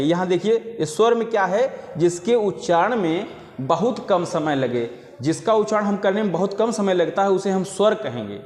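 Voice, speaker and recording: A man with a high voice teaches an exam-prep grammar lesson, going over each definition more than once. He keeps calling his viewers friends as he explains. The sound is roomy, with a long reverb tail behind his voice. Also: darkish tone. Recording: echoey room with long reverb.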